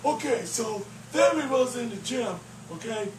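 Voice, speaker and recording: A man's voice: very high-pitched, animated, measured pace. A man voicing a cheeky male sock puppet sidekick from behind a puppet booth, bickering and mock-preachy, heard from a distance. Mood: snarky. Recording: roomy, distant voice with faint noise.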